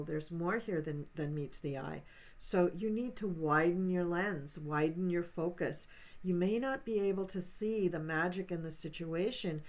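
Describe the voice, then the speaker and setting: An older woman reading tarot and oracle cards, calmly giving steady, reassuring guidance. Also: fairly low pitch, poor audio. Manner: calm, steady, reassuring guidance with small restarts. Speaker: tarot card reader. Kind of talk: pick-a-card reading.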